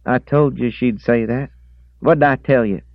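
A man voicing a rambling old drifter with a drawl, pitched up high above his own voice and hollering. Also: unhurried, dry recording, muffled recording, close to an everyday voice. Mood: defensive.

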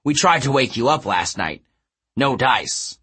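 A man voicing a gruff, boastful male satyr coach in an audiobook, with a husky, blustery delivery. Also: medium pitch, lively intonation, pushed and bright, heavily acted. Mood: brash. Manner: blustery, boastful, talks fast in bursts. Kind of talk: audiobook character voice.

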